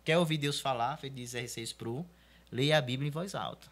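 A man's voice: mid-range voice, moderate pace, fairly bright tone. A man with a Brazilian accent, a pastor explaining points in a casual panel discussion with preacherly emphasis.

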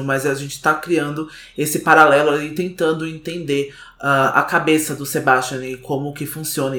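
A man co-hosting a podcast, relaxed as he recaps book chapters and fills his talk with tag questions. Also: medium pitch. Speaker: podcast co-host discussing a book. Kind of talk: casual book discussion. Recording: roomy echo.

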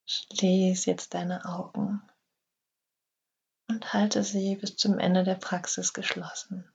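A woman leads a guided relaxation in a very breathy, husky half-whisper. She speaks slowly and gently, with a gravelly fry at the ends of her phrases. The recording sounds slightly dull. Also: fairly low pitch, level tone. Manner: slow, soft, half-whispered instructions. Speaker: yoga nidra guide.

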